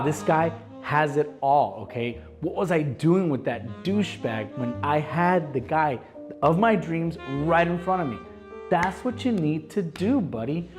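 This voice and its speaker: A blunt, bro-ish man in his thirties coaching his viewers on dating, with a slightly high-pitched voice. He talks casually and keeps checking in with "okay?" Faint music plays under him. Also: darkish tone. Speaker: dating advice host. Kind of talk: casual advice vlog. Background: faint background music.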